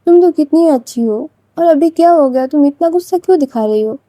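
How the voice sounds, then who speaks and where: A woman voicing a teasing, good-humoured sister-in-law who coaxes and gently mocks in a storybook reading. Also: high-pitched, lively intonation, brisk, dry recording. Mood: coaxing. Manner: coaxing and teasing.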